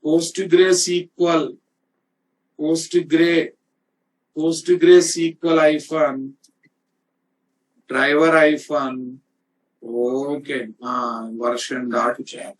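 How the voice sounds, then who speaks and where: A man's voice: fairly high pitch, little pitch movement, extremely slow, pauses often. A man with an Indian accent teaching programming in an informal, emphatic, repetitive way, often checking with students. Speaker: programming instructor. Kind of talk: informal screen-shared software lecture. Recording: distant-sounding microphone.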